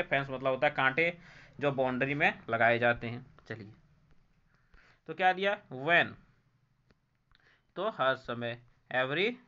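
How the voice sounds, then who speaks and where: Reading an English textbook lesson line by line, a man with an Indian accent explains each line in Hindi and repeats every answer word. His voice is on the high side, sharp, clear, and resonant, though the recording sounds muffled.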